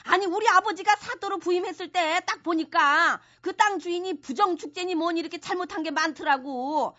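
A man's voice: very high-pitched, moderate pace, bright, forceful tone. A man playing a spoiled, haughty noblewoman in a radio comedy sketch, bossy and defensive, always tacking on a nagging "huh?". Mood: indignant. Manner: bossy, huffy, keeps asking "응?". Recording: dull radio broadcast sound.

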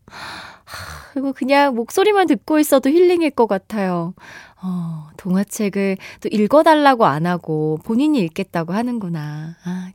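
A woman radio DJ chatting and reading listener messages, animated and laughing often, on a close studio mic. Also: mid-range voice, no room sound.

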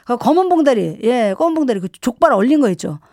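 A woman's voice: a little high, big pitch swings, mellow, no room sound, studio quality. A woman hosting a radio show, chatting playfully and reading listener messages aloud. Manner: chatty, playful, quick asides.

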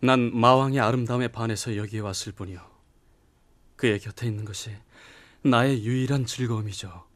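A man's voice: medium pitch, brisk, lightly acted. Man acting a courtly lovestruck nobleman. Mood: enraptured. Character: lovestruck, devoted nobleman under a demon's charm. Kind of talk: formal audio drama acting.

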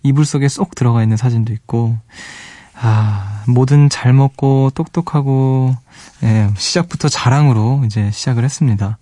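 A man hosts a late-night radio show from a studio microphone, with a mellow, warm tone and a middling pitch. He reads listener letters in a gentle, soft-spoken way and fondly exclaims over the pets in their photos. The sound is close and dry. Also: normal speed, no room sound.

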